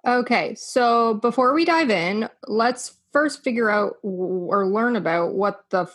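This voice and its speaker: A woman's voice: a little high, unhurried. Playful woman cohost, casual chat, laughs easy. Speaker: podcast co-host. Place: radio studio.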